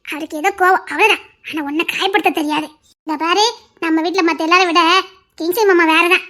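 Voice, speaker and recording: A woman playing a very high-voiced, coaxing young sister-in-law. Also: fairly even intonation, brisk. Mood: soothing. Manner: soft, coaxing, affectionate. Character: caring, playful young sister-in-law, soothing and teasing. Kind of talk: audio drama acting.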